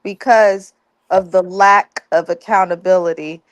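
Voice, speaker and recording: A woman's voice: fairly low pitch, fairly even intonation, a little slow, no echo. A woman co-hosting a TV recap, talking bluntly and profanely in a casual, ranting way. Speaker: co-host of a TV recap show. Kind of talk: casual review chat.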